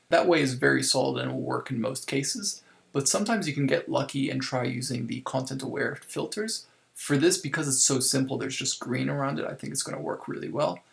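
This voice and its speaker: In a mid-range, creaky and gravelly voice, a man talks through a casual screen-recorded software tutorial step by step. He is informal and improvises, thinking aloud as he works.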